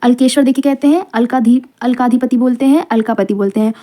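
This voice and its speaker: A woman teaching an exam-prep lesson, reading out long lists of words one by one with quick explanatory asides. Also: on the high side, dark tone.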